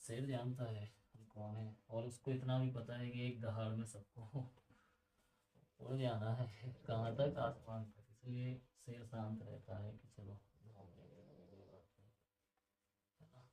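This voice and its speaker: A man's voice: mid-range voice, flat delivery, slow pace, dark tone, echoey room, far from the mic, poor audio. A man teaching a computer lesson in a casual, chatty way, asking his students questions and drifting into side stories.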